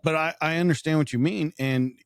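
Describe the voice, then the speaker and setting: A man's voice: fairly high pitch, a little fast, clear, resonant tone, no echo, clean studio sound. A man hosting a podcast, easygoing, asking long framing questions in conversational interview style. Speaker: podcast host.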